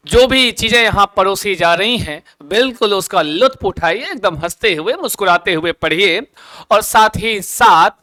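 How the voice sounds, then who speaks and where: A man's voice: high-pitched, pushed and bright, smooth. A man teaching an online exam coaching lesson, playful, asking questions and answering them himself. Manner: chants an opening prayer slowly. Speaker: Sanskrit teacher.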